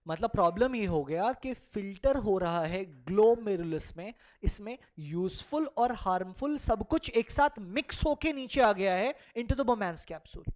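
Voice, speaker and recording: A teacher lecturing a class who fires off quick questions and answers them straight away. Words get repeated for emphasis, and the students are called children. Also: mid-range voice, lively intonation. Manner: mixes Hindi and English freely. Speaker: biology teacher.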